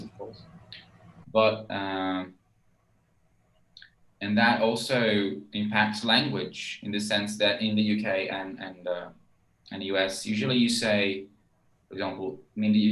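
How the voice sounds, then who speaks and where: A Brazilian man speaks English in a low voice, thinking aloud and hedging with "like" and "you know". His voice rings in an echoey room. It sounds like a relaxed group chat. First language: Portuguese. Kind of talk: casual group discussion.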